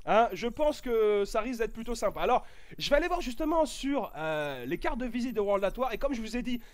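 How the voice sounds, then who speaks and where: A high-pitched man talking through his gameplay in a casual, excitable way. His voice leaps all over the place, and he bursts into swearing and shouting before settling down again. His nose is stuffy and itchy. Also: fairly quick. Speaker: gaming YouTuber.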